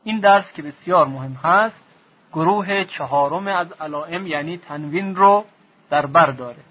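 A man teaching a recorded lesson on Quran recitation, speaking slowly, repeating his definitions and drilling sounds aloud. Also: fairly high pitch, breathy edge, narrow, tinny audio.

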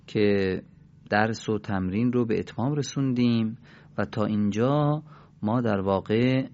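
Man teaching pronunciation, slow and deliberate. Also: on the low side, highs cut off. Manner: slow, deliberate, drawn-out syllable chanting. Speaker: Quran recitation teacher. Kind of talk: pronunciation lesson with drills.

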